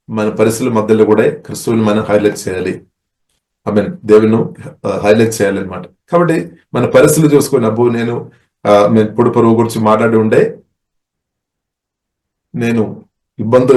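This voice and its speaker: Lower-voiced man preaching a sermon. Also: dark tone, reverberant. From India. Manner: halting delivery with frequent restarts and filler phrases. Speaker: pastor.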